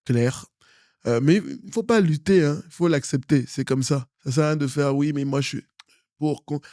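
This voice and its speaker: A man's voice: a little high, moderate pace, mellow, dry recording, studio quality. A man from Cameroon with a Cameroonian French accent, a guest in an interview who stresses points by repeating words. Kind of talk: interview conversation.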